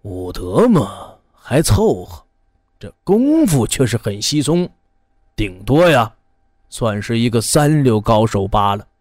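Guy doing icy old kung fu master, low slow scornful voice. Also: sing-song, darkish tone, dry recording, clean studio sound. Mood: cold. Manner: cold, slow and dismissive. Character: cold, aloof older man, hidden master.

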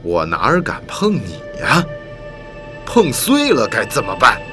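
A man's voice: mid-range voice, wildly swooping pitch, measured pace. A man voicing a sneering, greedy kidnapper who mocks his captive with jeering laughs, over background music. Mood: gloating.

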